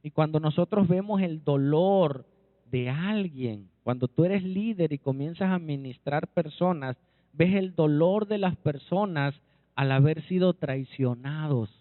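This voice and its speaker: A man with a Mexican accent preaching a sermon as pastor, emphatic, often checking in with the congregation, and swinging between forceful lines and soft, dropped phrases. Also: a little high, a little slow, no room sound. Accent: Mexican Spanish. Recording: dry, narrow phone-like sound.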